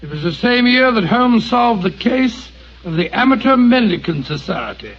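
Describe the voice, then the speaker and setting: A man's voice: very high voice, sing-song, normal speed, fairly bright tone, full character voice. An actor playing Doctor Watson, a genial elderly doctor with a bluff, fatherly way of telling a story, in a 1940s radio drama. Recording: dull 1940s radio recording.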